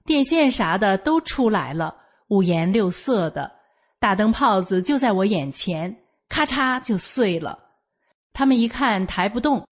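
An older woman from Northeast China with a Northeastern Mandarin accent, telling a personal story in a homely, matter-of-fact way. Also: mid-range voice. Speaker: storyteller sharing a personal account.

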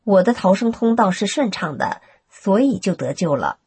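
A woman reading as a grateful young mother, earnest and breathy. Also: mid-range voice, big pitch swings, moderate pace, mellow, exaggerated voice.

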